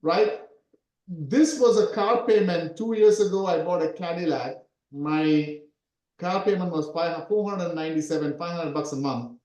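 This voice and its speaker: A man's voice: on the high side, a little mellow, reverberant, muffled recording. A man in his early forties, originally from Sri Lanka, coaching on a call and often checking in with "right?". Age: 40s. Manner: repetitive, keeps asking "right?". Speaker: SEO coach. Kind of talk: coaching talk in an interview.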